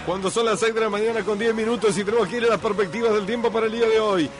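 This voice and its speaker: Uruguayan male morning radio host, high voice, easygoing chatter, faint music behind. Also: steady tone, racing. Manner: chatty, thanks listeners by name, fusses over sound levels. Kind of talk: casual morning radio chat.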